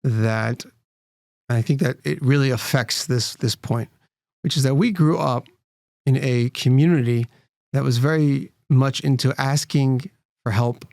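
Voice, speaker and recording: A man's voice: mid-range voice, a little slow, vocal fry, a little mellow, no room sound, clean studio sound. A man, a rabbi and nonprofit leader, speaking as a guest, earnest and explanatory, often restarting his phrases. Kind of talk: interview conversation.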